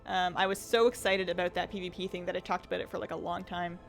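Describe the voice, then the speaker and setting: With faint music behind her, a woman speaks in a lowish, gravelly voice that barely moves in pitch, at a quick pace. She's a streamer casually chatting and rambling while gaming and reading viewer comments aloud, her voice a touch strained.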